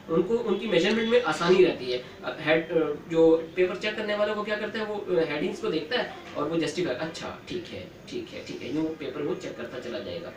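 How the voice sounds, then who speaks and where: A man's voice: high voice, roomy sound, recorded from a distance, a little hiss or hum, rough recording. A male teacher giving earnest, fatherly advice to students on how to write exam papers. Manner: earnest, fatherly, ends with blessings.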